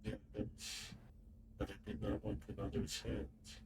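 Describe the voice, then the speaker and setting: A man voicing an ancient, solemn robot being, his words clipped and dropping out from noise suppression. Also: far from the mic. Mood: guarded. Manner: slow, grave, measured speech. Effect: noise suppression cutting the voice off. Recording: voice chat mic, faint noise, choppy suppression.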